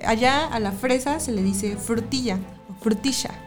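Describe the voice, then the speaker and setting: A young woman co-hosting a casual podcast chat, animated as she tells stories, often laughing. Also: a little high, moderate pace, faint music behind. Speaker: podcast co-host.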